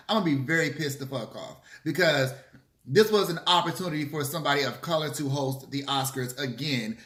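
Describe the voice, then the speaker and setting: A bright, forceful man's voice, pitched a little high, in a roomy echoing space. He chats casually between bites of food, sassy and opinionated, punching his points with slang and swearing. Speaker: vlogger hosting a mukbang. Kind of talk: casual chit-chat to camera while eating. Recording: roomy, echoey room sound.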